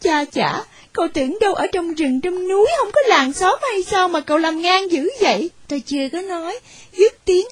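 A woman's voice: very high-pitched, expressive, normal speed, a little hiss or hum. A woman voicing a poor, wronged young orphan woman who tells her story tearfully, in a storybook reading.

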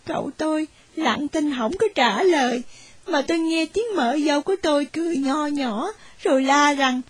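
A woman's voice: high-pitched, moderate pace, no echo, close to an everyday voice. A woman voicing a poor, wronged young orphan woman who tells her story tearfully, in a storybook reading.

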